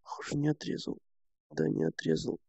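A man's voice: fairly high pitch, very animated, a little fast, creaky, mellow, no room sound. A young man streaming a game, grumbling and swearing to himself in casual commentary. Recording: dull lo-fi sound.

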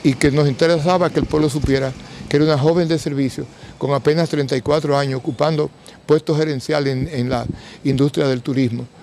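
A Dominican man in his seventies speaking in quiet grief, restrained and halting, in an interview into a handheld microphone. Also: fairly high pitch, steady tone, a little hiss or hum. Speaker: bereaved father giving a press statement. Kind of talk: on-camera interview. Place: covered entrance outside a building.

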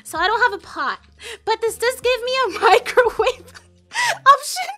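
Very high, bright cute anime-streamer woman. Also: normal speed. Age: young adult. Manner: giggly, expressive. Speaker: live streamer. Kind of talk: casual livestream chat while cooking. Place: home kitchen, indoors. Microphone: close studio mic on a boom arm. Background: music.

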